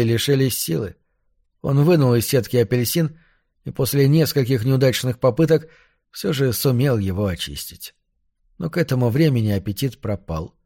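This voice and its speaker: A man narrating an audiobook in a measured, even way. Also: medium pitch, no room sound, studio quality.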